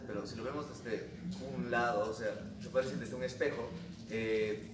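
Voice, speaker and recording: A young man asking a hesitant question in class, thinking aloud. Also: mid-range voice. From Bolivia. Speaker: student. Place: echoey classroom. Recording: distant echoey classroom, loud noise.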